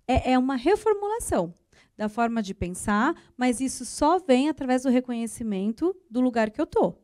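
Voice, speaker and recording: A Brazilian woman psychologist, a guest on a TV talk show, explaining calmly and acting out little example dialogues. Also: sits high, normal speed, no room sound, studio quality. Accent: Brazilian Portuguese. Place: TV studio.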